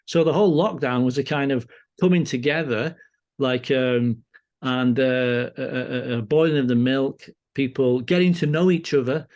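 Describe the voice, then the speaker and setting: A man's voice: medium pitch, steady tone, darkish tone. A Lancashire man speaking as a guest on a podcast. His voice sits in a middle register, and he talks casually, stumbling and restarting as he goes. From Lancashire, England. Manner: halting, many restarts and fillers. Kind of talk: casual conversation. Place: farm community temple in Scotland.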